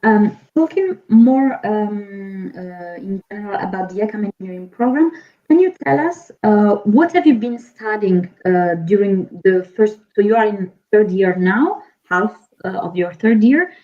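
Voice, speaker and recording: A woman's voice: medium pitch, expressive, a little slow, narrow, tinny audio. A woman interviewing a student, asking polite, somewhat hesitant questions.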